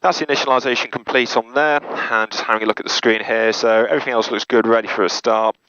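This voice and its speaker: Speaking fast in a steady, medium-pitched tone that sounds pushed and bright, a man presenting as a pilot methodically runs through hands-on cockpit checks item by item. He's in the cockpit of a small turboprop aircraft. The recording is muffled, and the aircraft noise is clear.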